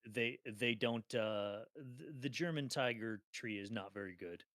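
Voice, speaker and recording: Fairly low-pitched and measured, this man in his thirties co-hosts a laid-back gaming podcast, telling animated stories, laughing often and swearing casually. The recording is dry and studio quality.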